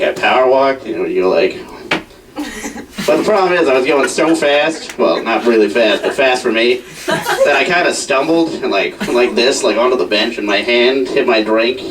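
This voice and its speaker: Young male comic, lively rambling delivery, self-deprecating, recorded from across a room. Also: mid-range voice. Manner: rambling, self-mocking, full of "like". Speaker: stand-up comedian. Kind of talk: stand-up storytelling at a house party. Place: crowded house party. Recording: distant mic, faint noise.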